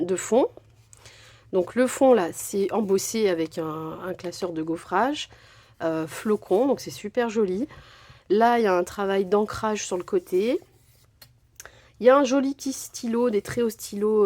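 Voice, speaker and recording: A woman chatting casually as she unboxes craft supplies, gushing over each item and filling pauses often. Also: mid-range voice, warm tone. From France. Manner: chatty, gushing, many fillers. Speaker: crafting vlogger.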